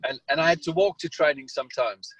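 A man's voice: fairly high pitch, a little fast, a bit bright, slightly rough, no room sound, rough recording. A man from Malawi and South Africa, a soccer coach, answering interview questions in a rambling way with many restarts and fillers.

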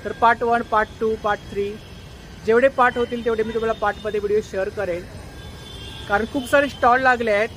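A Marathi-accented man with a high voice hosts a walking vlog at an outdoor craft exhibition. He greets his viewers, asks short questions at every stall and repeats each price back. Faint outdoor noise sits behind him. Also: steady tone, quick pace, a bit bright, poor audio. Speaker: vlogger host. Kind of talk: walking market vlog, chatting with stall sellers.

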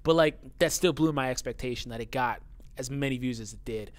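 A YouTuber reads viewer comments to camera in a casual, blunt way, swearing often and getting heated. His mid-range voice moves a little fast, and he says it sounds young, which it does.

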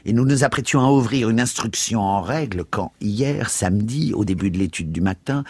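A man reading aloud, voicing a smug scheming priest with a high, sneering, unctuous manner. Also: normal speed, a little mellow, breathy edge, no echo. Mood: indignant telling. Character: smug scheming middle-aged male priest.

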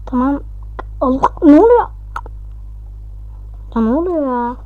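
A woman giving casual, excitable commentary over her own gameplay, talking to herself and shrieking at close calls. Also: sits high, measured pace, narrow, tinny audio. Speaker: gaming YouTuber.

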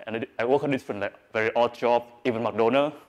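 A man's voice: mid-range voice, quick pace. A young man, giving a live stage talk in English, hesitant with many fillers and restarts. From Vietnam. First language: Vietnamese. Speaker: presenter. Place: event hall with audience.

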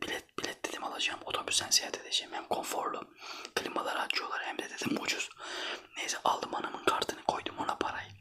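In a pushed, bright whisper, an ASMR storyteller from Trabzon in Turkey rambles through a casual anecdote. His speech is breathy and informal, peppered with foul language.

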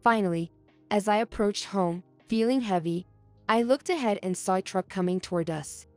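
A young adult woman reading a first-person story aloud as narrator, in a soft, earnest storytelling manner. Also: mid-range voice, normal speed, no echo, faint music behind.

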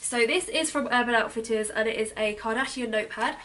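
A young British woman blogger, chatty and enthusiastic, with a voice a little hoarse from losing it. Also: on the high side, fairly quick, fairly bright tone, a little hiss or hum. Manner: chatty, enthusiastic product talk with many ums. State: losing her voice. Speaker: beauty blogger. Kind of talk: casual gift-guide vlog.

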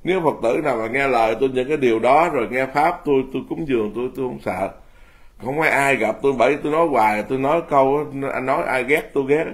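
Blunt laughing Buddhist monk. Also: male voice, mid-range voice, fast talker. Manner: blunt, self-mocking, laughing often. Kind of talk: informal dharma talk.

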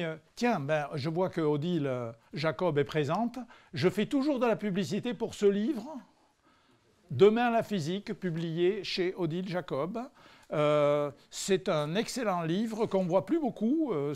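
A man from France lectures on science to a general audience, his voice sitting a touch high. He talks in a loose, halting way, stopping often on fillers, and slips in dry jokes for the hall. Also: darkish tone. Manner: conversational, hesitant with frequent fillers; dry humorous asides to the audience. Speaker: physicist giving a public lecture.

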